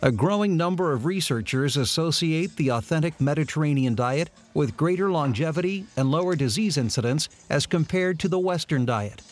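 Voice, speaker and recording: A man reading scripted narration in a polished, even delivery. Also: a little high, normal speed, few pauses.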